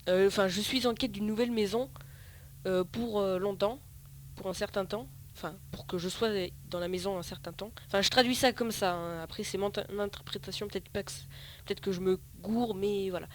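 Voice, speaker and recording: A man's voice: high voice, steady tone, fairly quick, a little hiss or hum. A man giving casual, rambling gameplay commentary, often correcting himself and swearing casually. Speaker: let's play host.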